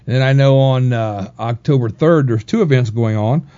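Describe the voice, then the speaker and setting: A man's voice: mid-range voice, moderate pace, dark tone. A man hosting a casual podcast, speaking hesitantly with many fillers. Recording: dull lo-fi sound.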